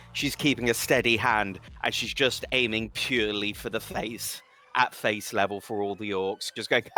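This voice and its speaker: A man playing a tabletop game, describing his character's actions with lively storytelling. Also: on the low side. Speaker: player.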